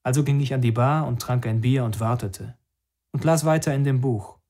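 Calm male audiobook narrator. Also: medium pitch, normal speed. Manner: calm storytelling voice that lifts for quoted lines. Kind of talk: first-person novel narration with acted dialogue.

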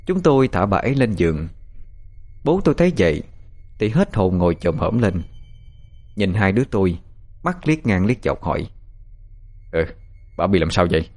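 Lively low-voiced male storyteller. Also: normal speed, long pauses, faint music behind. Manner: expressive, dramatic narration. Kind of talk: narrated audio horror story.

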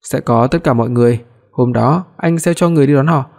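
Picture a man reading a young husband who dotes on his wife and gets his own way. He speaks firmly in a mellow, warm tone. This is a spoken family story. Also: mid-range voice, quick pace, vocal fry, close to an everyday voice. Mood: insistent. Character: young husband, possessive and doting.

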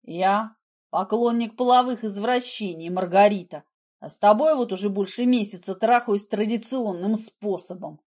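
A woman's voice: medium pitch, normal speed, a little mellow, lightly acted. A woman voicing a menacing, mocking husband in an audiobook, with a smug, taunting manner. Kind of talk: audiobook character voice.

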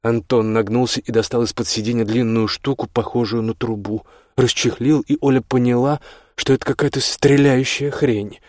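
A male narrator reading a novel aloud in a steady, even manner. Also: medium pitch, moderate pace, no room sound, studio quality. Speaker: audiobook narrator. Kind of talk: audiobook narration.

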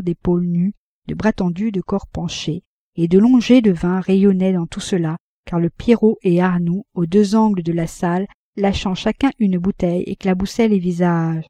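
Dark-voiced woman reading a novel. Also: on the low side, no room sound. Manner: measured, even reading. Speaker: audiobook reader. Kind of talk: scripted narration of a classic novel.

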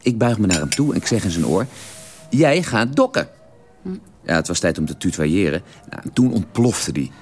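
A man in a radio drama telling a long, detailed story at the dinner table in a measured, drily precise way. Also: sits low, very animated, a little mellow, soft background music. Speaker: character telling an anecdote at a family dinner.

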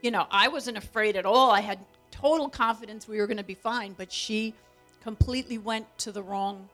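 A middle-aged woman telling a long story about her daughter in a lively, animated way, acting out quotes. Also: normal speed, faint music behind. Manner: animated, acts out quotes with big pitch jumps. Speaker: co-speaker, mother of the other speaker. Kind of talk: storytelling talk.

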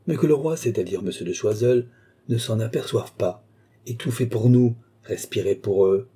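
A man's voice: lowish voice, normal speed, warm tone, husky. A man voicing a wily old courtier duke in an audiobook, mannered and ironic. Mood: sly. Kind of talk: audiobook character voice.

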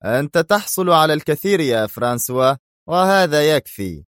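A man's voice: on the high side, expressive, brisk, fairly bright tone, no room sound, studio quality, pitched above the performer's own voice. A man voicing a stern, hot-tempered male spy chief in an audiobook thriller, harsh and threatening.

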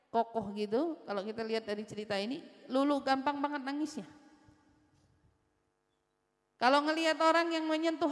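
A woman religious teacher giving a sermon. She chants Arabic verses slowly and loudly, then explains them in casual, conversational speech. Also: high-pitched. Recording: long hall reverb.

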